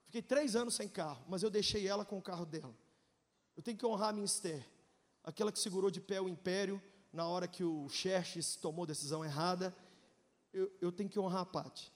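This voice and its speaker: A very high-pitched Brazilian man in his forties preaches a personal testimony, his voice ringing with a long hall reverb. He moves between loud, shouted peaks and soft, confiding asides, slipping in jokes along the way. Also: brisk. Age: 40s. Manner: emotional storytelling, swings from shouting to hushed, joking. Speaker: pastor. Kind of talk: testimony sermon.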